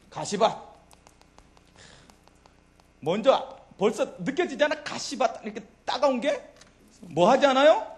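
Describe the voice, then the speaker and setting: A middle-aged man preaching a youth worship sermon, who keeps asking the congregation questions and answering them himself. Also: high voice. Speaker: pastor.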